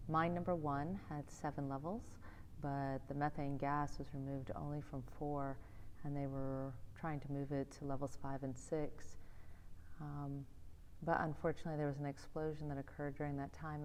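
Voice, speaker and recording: A woman's voice: low-pitched, a little mellow, slight background noise, low-quality recording. A middle-aged American woman vlogging a road trip, chatty and upbeat, laughing often. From United States. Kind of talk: casual travel vlog. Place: indoors in a small museum, talking quietly.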